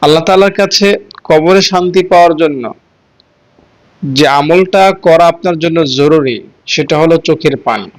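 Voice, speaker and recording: A man's voice: on the high side, a little slow, long pauses, poor audio. A man preaching a sermon in an earnest, pleading way, stretching out words for emphasis.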